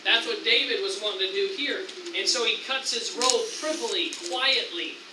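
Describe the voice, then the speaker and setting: A man with an American accent preaching a sermon as pastor, animated, acting out tempting voices with excited raised lines. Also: sits high, normal speed, echoey room, distant mic, background noise. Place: church sanctuary.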